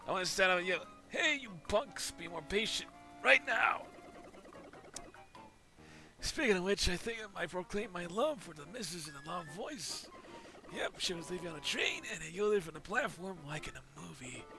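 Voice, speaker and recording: A man's voice: high-pitched, animated, brisk, vocal fry, bright, forceful tone, faint music behind, pitched above the performer's own voice, heavily acted. A man voicing a forgetful old male turtle who rambles and keeps losing his train of thought. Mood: rambling.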